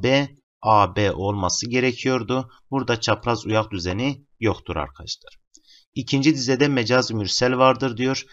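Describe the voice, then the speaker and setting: Male teacher, exam question walkthrough, steady and explanatory, mid-pitched voice, muffled lo-fi recording. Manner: steady explanatory, addresses students as friends. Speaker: literature teacher.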